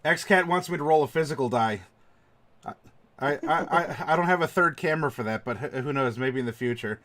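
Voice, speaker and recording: A man's voice: fairly high pitch, fairly quick, a bit bright. A man running a tabletop game as game master, narrating with frequent stammers and laughs. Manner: stammering, laughing often between lines.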